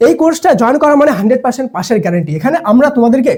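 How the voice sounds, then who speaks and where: A young man teaching students quick exam tricks as a math tutor. He keeps checking in with "okay?" and answers questions he voices for the students himself. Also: very high-pitched, animated, a little mellow. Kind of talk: fast exam-tips lesson to students.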